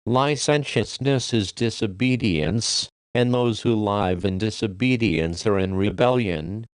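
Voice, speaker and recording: A grave male reader with a lowish, smooth, resonant voice delivers a religious message in a measured, solemn cadence. He slows down for the scripture references, and the recording is dry and close. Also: a little mellow, no echo.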